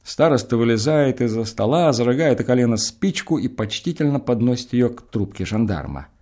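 Guy reading a story aloud, bouncy intonation, mid voice. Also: mid-range voice. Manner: expressive, measured. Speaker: narrator.

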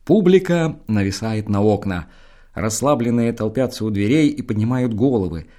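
A man narrating a story in a measured, expressive reading. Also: on the low side.

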